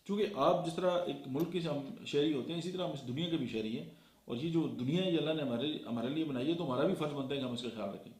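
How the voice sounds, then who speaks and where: A man's voice: fairly high pitch, quick pace, darkish tone. A man from Pakistan giving a motivational talk, lecturing and counting off his points one by one with frequent fillers. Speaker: motivational speaker. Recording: echoey room.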